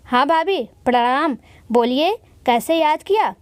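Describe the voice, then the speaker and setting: A woman's voice: sits high, lively intonation, unhurried, dry recording. A woman voicing a young male soldier who talks politely to his sister-in-law.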